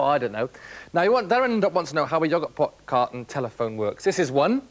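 A young man presenting a children's TV programme, explaining things to young viewers in a jokey, lively way. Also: a little high.

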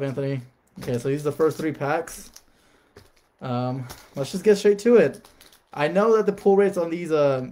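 A man's voice: medium pitch, darkish tone, slight background noise. A man chatting casually on a live stream, reading out card names and talking to viewers.

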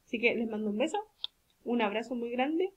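A woman with a Chilean accent, a speech therapist giving a recorded lesson to young children, speaking patiently and slowly and often checking that they follow. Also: on the high side, slightly rough. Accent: Chilean Spanish. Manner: patient, slow and deliberate, checks understanding with tag questions. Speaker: speech therapist teaching a virtual class. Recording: dull lo-fi recording.

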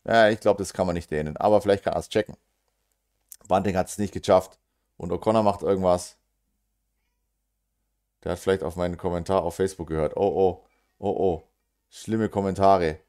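A man's voice: low voice, fairly even intonation, darkish tone, smooth. A German man giving live darts commentary: casual, joking, groaning over near misses and talking straight to his audience. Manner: talks fast and casual with quick asides to the audience.

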